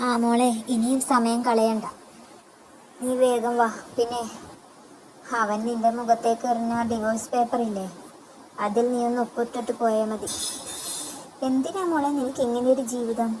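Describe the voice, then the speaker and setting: A woman doing a protective older sister, calm and firm, high pitch, slight hiss behind. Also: normal speed, pauses often, close to an everyday voice. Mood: consoling. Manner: soothing yet firm. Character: caring elder sister figure, firm and comforting.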